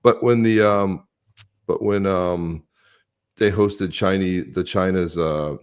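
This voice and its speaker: A man with a very low voice hosts a podcast in loose, unscripted chat. He talks bluntly and crudely, rambling as he reacts to clips. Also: fairly even intonation, slow, clear, resonant tone. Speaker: podcast host.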